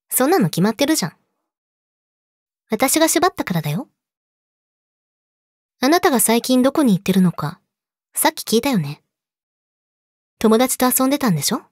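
A young woman playing a possessive yandere girlfriend, sweet but menacing, speaking softly and intimately to her lover in an audio drama. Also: medium pitch, no room sound, studio quality. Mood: calm, teasing menace. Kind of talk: Japanese situation voice audio drama, addressed to listener.

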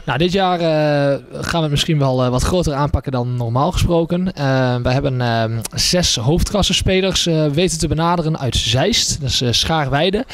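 The speaker is a young hockey trainer and event organizer in his twenties, with a fairly high voice and a moderate pace with few pauses, captured dry. He sits in a small indoor café with a handheld microphone, answering a casual promo interview hesitantly and with lots of fillers.

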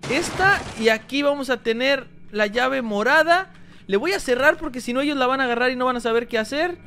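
A man giving energetic gameplay commentary, talking straight to his viewers. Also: very high voice, brisk, slight background noise. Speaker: gaming YouTuber.

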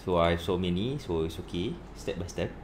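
A man with a low-pitched voice chats casually during co-op gaming. His phrases are short and clipped, with local particles at the ends. There is faint background noise. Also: animated, fairly quick. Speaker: gamer playing online co-op.

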